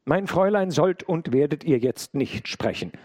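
A man voicing a brave, loyal older housekeeper who speaks strongly and firmly in a raised, husky voice. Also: fairly high pitch, animated, moderate pace, a little mellow, no room sound, studio quality, pitched above the performer's own voice. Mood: defiant. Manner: firm, defiant.

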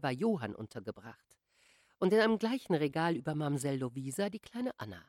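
Female audiobook narrator, measured literary reading, dry close studio sound. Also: sits low, no echo. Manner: measured, expressive storytelling. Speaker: audiobook reader.

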